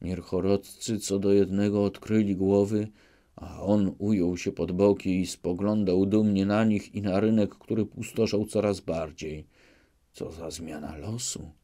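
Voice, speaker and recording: A man narrating an audiobook with measured, dramatic storytelling. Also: fairly low pitch, fairly even intonation, mellow.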